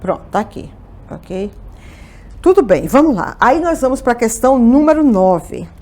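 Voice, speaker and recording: A woman's voice: fairly high pitch, very animated, unhurried, mellow. A woman walks through exam questions as a Portuguese teacher. She asks questions aloud and answers them herself, and keeps checking that her students follow along. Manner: checks in often with "ok?" and "tá vendo?". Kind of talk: exam-review lesson.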